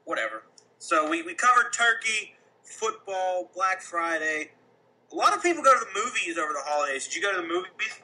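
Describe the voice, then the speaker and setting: Bright-voiced, laid-back young man. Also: high-pitched, animated, fairly quick, poor audio. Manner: laid-back, drives the topics with short questions. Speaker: podcast co-host. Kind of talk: casual chat.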